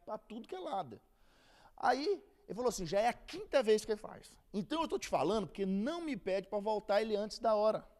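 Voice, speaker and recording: A man's voice: high voice, sing-song, a little fast, darkish tone. A man with a Brazilian Portuguese accent teaching a Bible lesson in a casual, storytelling way, acting out the people he quotes.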